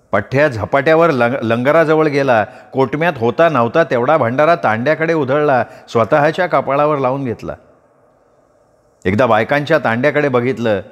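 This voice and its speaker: A man giving a vivid, dramatic storytelling reading of a rural novel. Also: medium pitch. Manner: vivid, expressive narration. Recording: long hall reverb.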